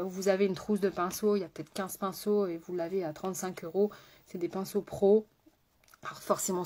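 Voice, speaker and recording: A woman's voice: mid-range voice, a little mellow. A woman makeup artist chatting through a live makeup tutorial, talking straight to her viewers with rambling asides.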